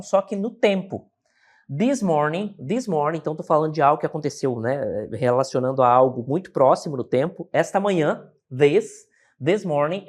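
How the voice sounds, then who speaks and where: Brazilian male English teacher with a fairly high voice, explaining slowly and checking in with the class. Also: a little mellow. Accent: Brazilian Portuguese. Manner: explains slowly, checks in with frequent tag questions.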